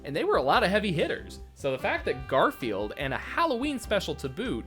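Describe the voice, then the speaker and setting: A man's voice: high voice, wildly swooping pitch, a little fast, a bit bright, faint music behind. A man in his thirties giving casual, enthusiastic, nostalgic commentary as a cartoon reviewer.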